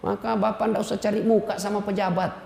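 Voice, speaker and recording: A man's voice: sits high, flat delivery, quick pace, creaky, darkish tone. A middle-aged man preaching a humorous sermon, teasing and addressing his audience directly. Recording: echoey hall with long reverb.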